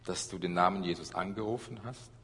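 A middle-aged man preaching a sermon, moving between loud, emphatic passages and hushed, low ones. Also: brisk. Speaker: pastor. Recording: long church-hall reverb.

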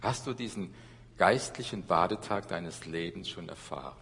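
A middle-aged man preaching a sermon, moving between loud, emphatic passages and hushed, low ones. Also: moderate pace, gravelly. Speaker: pastor. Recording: long church-hall reverb.

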